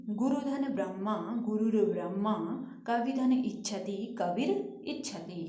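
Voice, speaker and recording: Female teacher, middle pitch, slow and patient, asks and answers her own questions, echoey room. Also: mellow. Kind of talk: Sanskrit grammar lesson.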